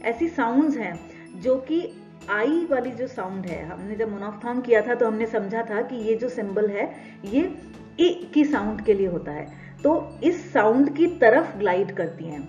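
A woman's voice: on the high side, lively intonation, unhurried. A woman with an Indian accent teaching English phonetics, patiently explaining and repeating example words. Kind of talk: explanatory lesson, mixing Hindi and English. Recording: slightly dull lo-fi recording with soft background music.

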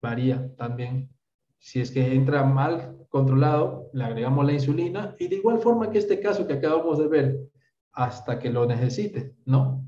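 In a warm voice of medium pitch, a man from Peru in his thirties teaches an online medical workshop at a moderate pace. He explains step by step in Peruvian Spanish, answering questions and often adding "¿está bien?". Video call audio makes him sound distant, dull, and roomy.

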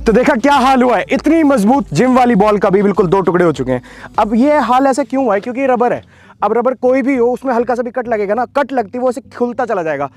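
A man's voice: extremely high pitch, lively intonation, fast, darkish tone, soft background music. A young man hosting an experiment video in an open field, casually explaining and calling out instructions to a helper. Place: open grassy field outdoors.

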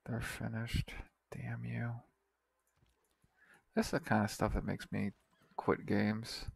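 A man's voice: on the low side, little pitch movement, takes it slowly, gravelly, husky, dry recording. A man giving casual commentary while playing a strategy game, muttering to himself and swearing in frustration. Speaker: gaming video creator.

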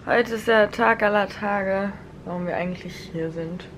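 A woman's voice: mid-range voice, moderate pace. A young woman in her twenties chatting casually into a handheld camera for her vlog, laughing often and dropping English phrases. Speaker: vlogger. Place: car, hotel room and outdoors. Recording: noisy handheld vlog audio.

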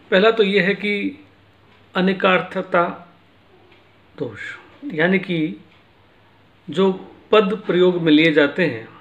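A man's voice: high voice, lo-fi sound. A man teaching philosophy in a patient lecture, explaining each point with everyday examples.

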